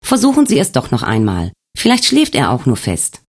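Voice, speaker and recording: A man voicing a calm, reassuring female hospital nurse in an audiobook. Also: a bass voice, moderate pace, slightly rough, heavily acted.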